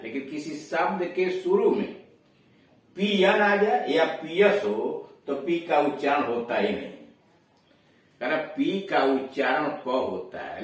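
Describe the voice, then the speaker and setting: A man teaching a grammar lesson, explaining slowly, repeating each rule and spelling words out letter by letter. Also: on the high side, far from the mic. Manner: checks understanding with quick questions. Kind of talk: classroom lesson. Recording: echoey room, voice from away from the mic.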